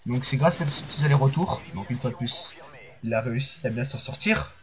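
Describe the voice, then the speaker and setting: A man's voice: mid-range voice, fairly quick. A man from France giving rambling, casual commentary over gameplay footage, full of fillers and restarts.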